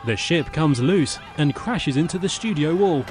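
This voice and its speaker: Male audio describer, scripted narration, matter-of-fact, present tense, somewhat high-pitched. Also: lively intonation, normal speed, music in the background.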